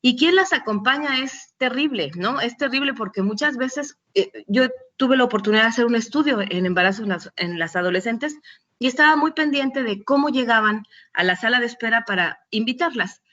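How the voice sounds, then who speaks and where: A woman's voice: fairly high pitch, lively intonation, a little fast, pushed and bright, dull audio. A middle-aged Mexican woman, a doctor, giving a conversational recorded lecture with frequent restarts and fillers. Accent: Mexican Spanish. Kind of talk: recorded lecture with patient anecdotes.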